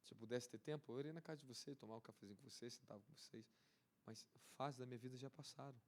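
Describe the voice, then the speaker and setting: A man with a Brazilian Portuguese accent preaching a charismatic sermon as an apostle, fervent and repetitive, rising to excited peaks. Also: mid-range voice, fast talker.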